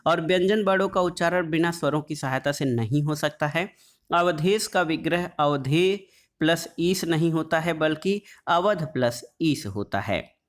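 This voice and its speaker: A man teaching an exam-prep lesson on Hindi phonetics, reading quiz questions and then explaining the answers, drawing out letter sounds slowly as he lists them. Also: fairly high pitch. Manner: draws out sounds slowly when listing letters; calls the audience "friends".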